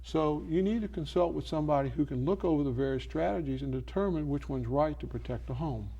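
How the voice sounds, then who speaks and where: A man's voice: a little high, fairly quick, creaky, dark tone, breathy edge, lo-fi sound. A man speaking as an advising expert in an infomercial interview, explaining didactically by posing questions and answering them himself. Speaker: elder law expert giving advice.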